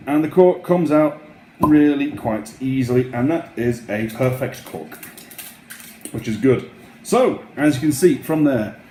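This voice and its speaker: Mellow-voiced man in a roomy, echoey space. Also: medium pitch. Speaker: wine tasting host. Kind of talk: casual wine tasting commentary. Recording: roomy echo, faint background noise.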